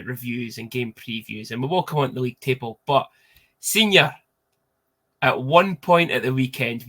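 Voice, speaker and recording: Young male podcast host, broad Scottish accent, bright and forceful, casual and sweary on sport. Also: mid-range voice. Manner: sweary, informal.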